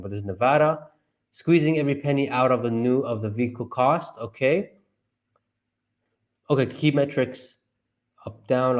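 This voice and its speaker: Male streamer, excitable live reaction, mid pitch, thinks aloud. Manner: excitable, talks to himself, bursts into high yelps. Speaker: stock market streamer.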